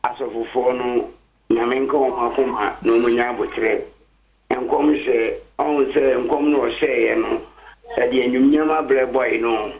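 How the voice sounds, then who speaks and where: Gravelly ghanaian guy calling in, rambly, muffled line with a bit of hiss. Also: mid-range voice, steady tone, a little slow. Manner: rambling, a little nervous. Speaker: caller. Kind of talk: phone-in chat. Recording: muffled phone line with faint noise.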